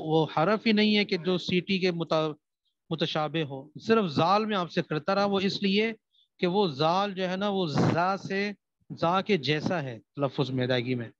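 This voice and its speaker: A man teaching a recitation class, asking his students questions, repeating them and answering them himself. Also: a little high. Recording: dry, slightly dull sound.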